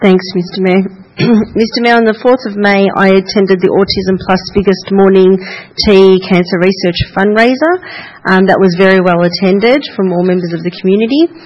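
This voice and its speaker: A man's voice: high voice, normal speed, dull audio. A man, a councillor, reporting on community events in a hesitant way with many ums and restarts. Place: council chamber.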